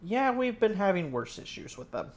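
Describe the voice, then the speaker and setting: A man voicing a gruff, one-legged retired adventurer who now works as a guild clerk, blunt and matter-of-fact. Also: high voice, big pitch swings, normal speed, background noise, pitched above the performer's own voice. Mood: businesslike.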